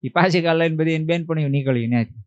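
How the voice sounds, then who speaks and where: A man, a monk telling a devotional story in an animated way, acting out voices and asking the listeners questions. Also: a little high, fast, no room sound, lo-fi sound. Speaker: monk giving a religious discourse.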